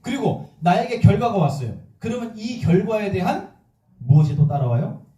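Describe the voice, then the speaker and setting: A Buddhist monk delivers a sermon in a high-sitting voice at a moderate pace, posing questions to the audience, acting out quoted voices and cracking jokes in a lively manner. He's recorded from a distance, a little off the mic, in an echoey temple hall.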